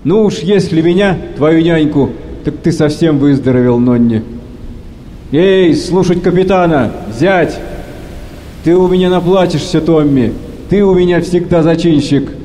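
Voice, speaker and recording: A man's voice: on the high side, measured pace, dark tone, slight background noise, close to an everyday voice. An actor playing a defiant old male sailor who mocks his captain, in an audio play reading. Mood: mocking. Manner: mocking, raised voice. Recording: long hall reverb.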